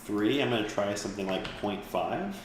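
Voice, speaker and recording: A man with a lowish voice walks a class through a software tutorial over a call. He talks loosely, full of "uh" and restarts. His voice rings out in a very echoey room with a faint hiss behind it. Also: moderate pace. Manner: relaxed, rambling, with fillers and restarts. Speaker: instructor.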